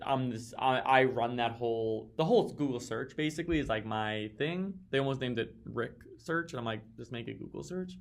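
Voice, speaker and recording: A man giving a casual, mock-serious rant as a league commentator, sarcastic and swearing, with sudden exasperated outbursts. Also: medium pitch. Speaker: fantasy football league commentator.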